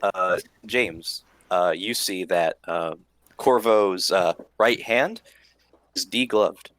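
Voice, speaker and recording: A man's voice: deep voice, takes it slowly, a bit bright, no echo. A man narrating as dungeon master in a tabletop game, rambling with fillers. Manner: rambling with fillers, laughs often.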